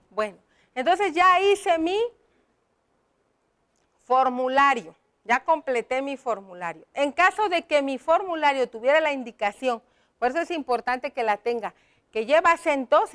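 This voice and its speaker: A woman, teaching children slowly and step by step, often checking in with them. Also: high-pitched, a bit bright. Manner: slow, explaining step by step, addressing children. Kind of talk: classroom lesson.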